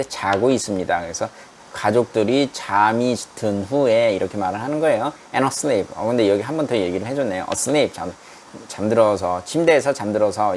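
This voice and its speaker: A man giving a university English reading lesson in a small room that is not a studio. He reads English sentences slowly, then explains them in Korean and asks the class questions. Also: on the low side, darkish tone, a little hiss or hum. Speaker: English lecturer.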